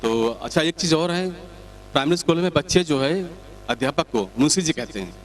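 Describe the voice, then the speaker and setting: A male comedian telling a comic story in a chatty, lively way with asides to the audience. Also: on the high side, fairly quick, a little hiss or hum.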